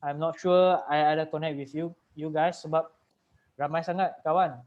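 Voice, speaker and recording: A man's voice: a little high, fairly even intonation, fairly quick, darkish tone. Malaysian man chatting in Singlish-style English, muffled. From Penang, Malaysia. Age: 30s. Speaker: online event host. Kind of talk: casual chat. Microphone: video call. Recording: muffled video call audio.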